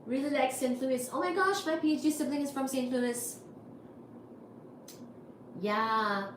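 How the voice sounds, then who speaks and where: A woman's voice: sits high, unhurried. A woman from India hosting a casual livestream, answering chat comments with wry asides. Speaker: livestream host. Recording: echoey room with faint noise.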